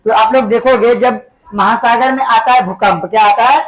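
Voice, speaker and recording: A woman with a fairly high voice and normal speed teaches a school class, explaining things step by step. She keeps quizzing pupils, asking them to repeat key words back, and tags her sentences with little check-ins like "है ना" and "ठीक है बेटा".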